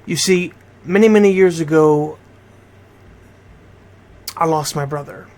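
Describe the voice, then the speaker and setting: Speaking at a measured pace, the Bridgeport, Connecticut radio host has a fairly high, slightly mellow voice. He's a middle-aged American DJ who talks informally and directly to the people tuning in.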